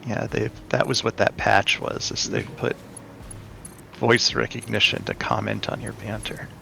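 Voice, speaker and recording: A man's voice: lowish voice, level tone, measured pace, creaky, pushed and bright, slight background noise, rough recording. A man chatting drily while playing a game with a friend, teasing and questioning him. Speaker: co-host and player. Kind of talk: casual gameplay chat.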